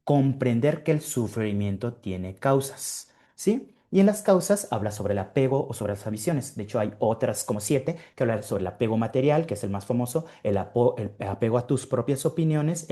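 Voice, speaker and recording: A man gives an informal online lecture in a mellow, warm tone. He explains step by step, checking in with his listeners through quick tag questions and frequent fillers. The sound comes through a computer microphone on a video call. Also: mid-range voice. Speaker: webinar presenter.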